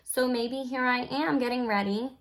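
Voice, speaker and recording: A woman's voice: a little high, normal speed. A woman teaching an early reading lesson, explaining patiently step by step in simple phrases and modelling examples for young learners. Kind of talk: instructional demonstration of a kindergarten reading lesson.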